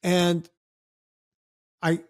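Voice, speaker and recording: Man telling animated stories, dry recording. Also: sits high, very slow, no room sound. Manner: animated anecdotes with acted-out quotes of other people. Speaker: podcast guest. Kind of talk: casual storytelling.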